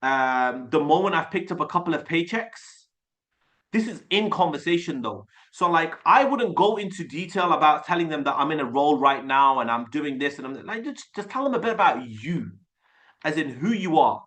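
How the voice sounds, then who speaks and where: A chatty English man with a voice pitched a little higher than most men's. He coaches a live audience in a loose, rambling way, full of asides and tangents. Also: lively intonation, moderate pace, pushed and bright. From England. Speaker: sales coach. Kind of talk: casual livestream coaching.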